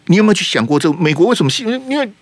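A man with a Taiwanese Mandarin accent hosts political talk radio in a fairly high, very lively voice that swings up and down. He talks heatedly and hammers listeners with rhetorical questions, and the sound is close and dry. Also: very fast, no echo. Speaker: radio talk show host.

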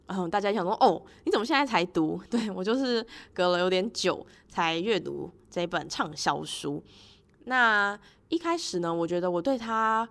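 A woman's voice: lowish voice, lively intonation, normal speed, creaky, fairly bright tone. A woman podcast host talking casually and expressively in a personal monologue, sharing her own reactions. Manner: laughs often while talking.

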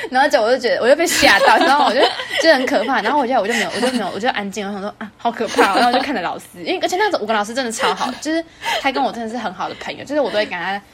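A young woman in her twenties with a Taiwanese Mandarin accent, co-hosting a podcast and telling a story in casual chat, animated and laughing often. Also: fairly high pitch, rapid-fire, crowd noise. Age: 20s. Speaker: podcast co-host.

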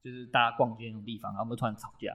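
A man's voice: mid-range voice, level tone, racing, a bit bright. A man co-hosting a casual podcast chat, rambling with stammered restarts and bursts of laughter. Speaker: podcast co-host.

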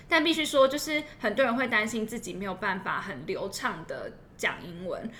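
A woman's voice: mid-range voice, brisk, sharp tone, slight background noise. A young woman with a Taiwanese accent, chatting and explaining in a conversational educational discussion, often posing rhetorical questions. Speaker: podcast co-host.

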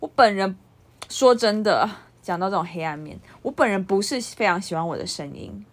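A young woman with a Taiwanese Mandarin accent, co-hosting a casual chat podcast; her voice is naturally low and she pushes it up, laughing often and swearing playfully. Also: lively intonation, normal speed. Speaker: podcast co-host. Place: indoors, on a bed. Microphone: handheld phone mic.

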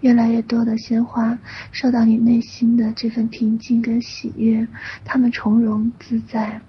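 Female meditation guide, soothing sleep story narrator manner, near-whispered and unhurried with very flat intonation; slightly muffled lo-fi recording. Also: on the high side. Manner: hushed, breathy, often near whisper; slow, gentle delivery with long pauses. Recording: dull lo-fi audio with faint noise.

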